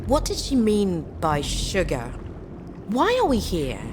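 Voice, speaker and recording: A woman's voice: medium pitch, huge pitch swings, slow, background noise. An actress playing a seafarer's sceptical young daughter in a video game, blunt and childlike in her questions. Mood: puzzled. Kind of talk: video game character acting.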